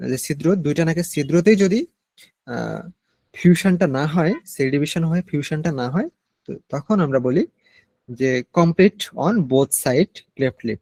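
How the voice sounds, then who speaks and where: A Bangladeshi Bengali-accented man teaching a nursing class, explaining slowly and mixing in English medical terms. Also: a little high, animated, a little mellow, no room sound. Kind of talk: online class lecture.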